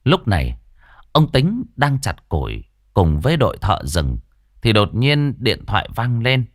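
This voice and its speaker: Give me a lively male ghost story narrator. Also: medium pitch, a little slow, no echo. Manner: dramatic, expressive. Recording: dry studio voice with faint music.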